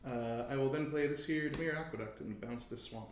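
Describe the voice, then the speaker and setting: A man's voice: mid-range voice, fairly quick. A man playing a card game in a dry, drawling, teasing manner. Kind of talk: casual game talk. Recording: echoey room with faint noise.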